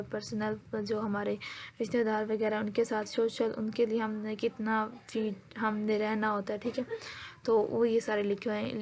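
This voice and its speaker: Woman, lecturer, exam review, mixes in English terms, many fillers, flat tone, faint background noise. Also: a little high. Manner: says "ठीक है" again and again, with many "अ" fillers.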